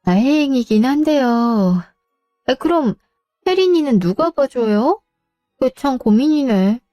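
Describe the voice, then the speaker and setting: A proud, wounded mother in her sixties in a radio drama, sighing and grumbling under her breath. Her voice is dark and mellow and fairly high. It sounds dry, with faint music underneath. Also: lively intonation, unhurried, dry recording, lo-fi sound. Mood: hurt. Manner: sighing, muttering complaints to herself. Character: retired older mother, hurt and proud.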